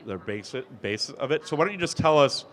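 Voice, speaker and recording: A man hosts a business interview and talks with eager enthusiasm. His questions are scattered with ums and restarts. His voice sits at a mid pitch. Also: lively intonation, brisk, fairly bright tone. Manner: enthusiastic, filler-heavy with many ums. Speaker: interview host, company CEO. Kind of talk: conversational interview.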